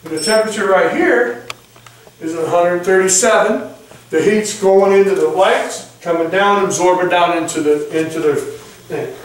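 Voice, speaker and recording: A man with a high voice leads a live product demo, calling out numbers in a quick patter like an auctioneer and checking in with "okay?". He is far from the mic in a large room, and his voice rings with heavy echo. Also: a little hiss or hum. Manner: folksy, repeats "okay?" to check in. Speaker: product presenter.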